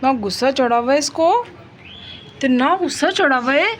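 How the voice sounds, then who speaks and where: A woman's voice: high voice, animated, normal speed. A woman with a Pakistani Urdu accent talking to her pet parrot in a casual home vlog, scolding and coaxing it in a singsong voice. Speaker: home cooking and pet vlogger. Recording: noisy home clip with bird chirps.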